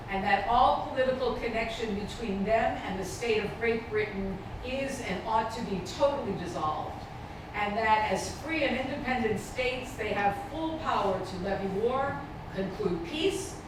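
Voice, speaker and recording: A woman with a fairly high voice delivers a stately, measured recitation. She sounds distant from the microphone in a very reverberant space, with clear background noise. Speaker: public reader at a commemorative event. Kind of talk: formal public recitation of a historical declaration. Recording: distant, very echoey, noisy background.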